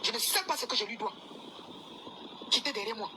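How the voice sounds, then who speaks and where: Casting: high-voiced woman, scolding rant, traffic noise behind. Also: a little fast. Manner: scolding, insistent, repeats herself. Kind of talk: angry live video rant.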